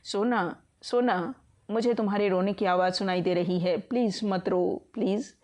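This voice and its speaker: A woman's voice: mid-range voice, fairly even intonation, normal speed, a little mellow, natural voice. Woman voicing a tearful tender young lover. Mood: tearful pleading. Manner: pleading, consoling.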